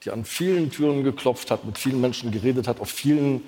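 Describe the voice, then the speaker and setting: A man from Lower Saxony co-hosting a live podcast on stage, dry and playful as he runs the show. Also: fast talker, warm tone. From Lower Saxony, Germany. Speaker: podcast co-host. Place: large concert hall before an audience. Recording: hall reverb with faint noise.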